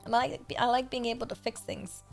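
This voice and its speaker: With music behind her, a British VTuber host chats casually on her livestream, thanking viewers and reading out supporters in a cute, anime-streamer way. Her voice sits on the high side with some vocal fry, and she talks fairly quickly.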